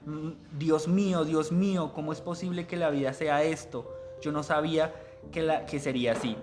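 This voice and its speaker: A man reading aloud the lines of a bitter, sick older mother who lashes out, in a slow, plain reading voice. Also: a little high, fairly even intonation, music in the background, natural voice. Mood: bitter lament.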